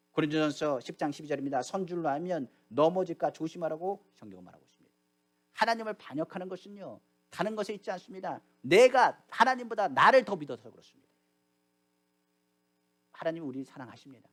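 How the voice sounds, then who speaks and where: A male pastor preaching a sermon, emphatic, asking rhetorical questions and acting out quoted prayers. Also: fairly high pitch. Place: church sanctuary.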